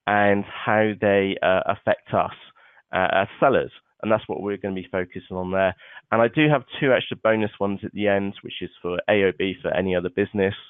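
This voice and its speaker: Over a tinny, phone-like web call line, a low-voiced man hosts a live online seminar walkthrough through a web conference microphone. He's chatty, sprinkling in "okay" and "uh", and the recording is dry.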